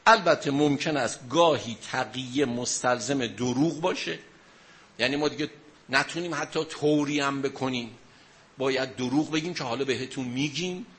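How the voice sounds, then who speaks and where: A man's voice: medium pitch, a bit bright. A man giving a religious talk to an audience, telling a story and asking questions as he explains. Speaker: religious speaker.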